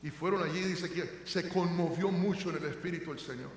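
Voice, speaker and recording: An older man preaching a sermon as pastor, shifting between fervent loud proclaiming and quiet tender storytelling. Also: fairly high pitch, brisk, a little hiss or hum. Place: church sanctuary. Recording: echoey church hall.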